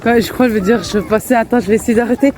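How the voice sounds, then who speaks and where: A woman's voice: a little high, rapid-fire. Chatty laughing woman vlogging outdoors. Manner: chatty and laughing, often breaks off to talk to her children. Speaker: family vlogger. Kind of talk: casual vlog chat while out with her kids. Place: outdoors in a park. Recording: faint outdoor street noise.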